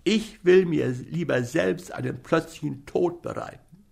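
A man's voice: a little high, measured pace, creaky, a little mellow, breathy edge, voice pushed up, full character voice. A man voicing a whiny, gluttonous young male servant in a storybook reading, plaintive and pleading. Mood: despairing.

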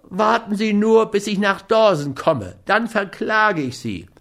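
A man's voice: lively intonation, slow, fairly bright tone, full character voice. A man voicing a cowardly, brutal man who whines and pleads in a raised, strained voice. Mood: whining. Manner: whiny, high and pleading.

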